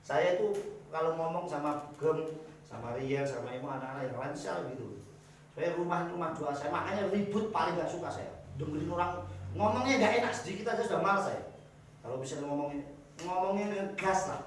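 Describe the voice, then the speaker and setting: A male pastor with a Javanese accent preaching a sermon, animated and addressing the congregation often, acting out everyday people in quick asides. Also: on the high side, a little hiss or hum. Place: church hall. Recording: very echoey hall, mic at a distance.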